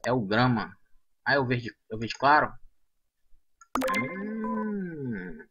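A man hosting a gaming channel, chatting excitedly to himself and his viewers over gameplay. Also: mid-range voice, a little fast, dull audio, noisy background. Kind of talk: casual gameplay commentary.

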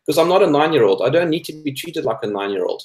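With a slightly high voice, lively intonation, and a quick pace, a South African cartoonist in his thirties shares opinions as a guest in a debate chat. He's emphatic and repeats phrases for stress. The recording is from an indoor room over a video call and sounds echoey.

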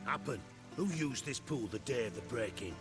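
An actor playing a gruff middle-aged spymaster, brusque, sarcastic and commanding. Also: male voice, medium pitch, lively intonation, moderate pace, music in the background, lightly acted. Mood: brusque, scornful.

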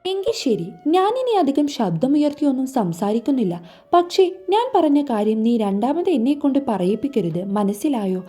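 A woman's voice: high voice, very animated, normal speed, mellow, breathy edge, faint music behind, heavily acted. A woman reading a stern, bossy young husband. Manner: curt, bossy orders.

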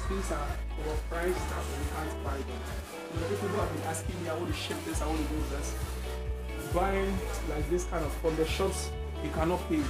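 Filmed on a handheld phone as he walks, a young Ghanaian man vlogs his way through a large indoor supermarket, his voice on the high side. He chats directly to viewers and restarts often, with loud music playing behind him the whole time.

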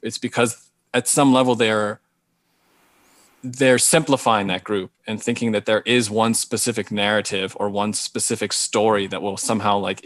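The guest author, a Hawaiian man in his thirties, weighs his words on a video-call interview, restarting phrases often as he answers carefully. Heard through earbuds from a small indoor room without room sound, his fairly low voice has a fairly bright tone.

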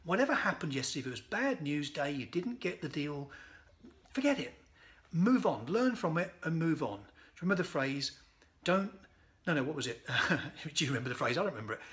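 A man in his fifties, a sales speaker, recording an energetic, punchy motivational message to camera in a sunny conservatory on a phone or webcam. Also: a little high, fairly quick.

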